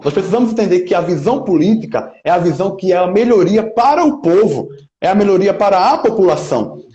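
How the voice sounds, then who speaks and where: Roomy-sounding young Pernambucan man, mellow. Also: sits high, animated, quick pace. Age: 20s. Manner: emphatic, speechmaking, leans on "né?" tags. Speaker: local political pre-candidate interviewee. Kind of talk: earnest interview answers. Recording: roomy, slightly dull lo-fi sound.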